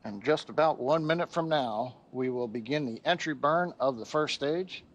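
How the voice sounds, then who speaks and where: A man's voice: mid-range voice, moderate pace, muffled recording. A man hosting a live launch webcast with explanatory technical commentary.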